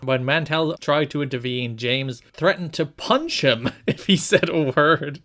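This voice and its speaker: A man's voice: on the high side, lively intonation, measured pace, sharp tone. A man hosting a podcast, reading out wrestling news notes and adding casual commentary. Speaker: podcast host.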